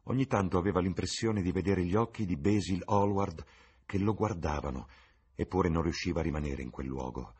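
Very deep, husky male narrator. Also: fairly quick, darkish tone. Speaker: reader. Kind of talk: audiobook narration.

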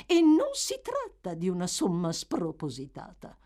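Woman voicing a sharp, shrewd old-world matron. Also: on the low side, measured pace. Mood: cool bargaining. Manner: calm, sharp and unyielding. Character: shrewd, cold-blooded middle-aged matron bargaining.

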